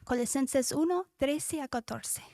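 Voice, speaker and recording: A woman giving a devotional Bible teaching, reading scripture aloud and often dropping to a soft whisper, emotional and correcting herself as she goes. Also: high-pitched, slow pace, no echo, clean studio sound.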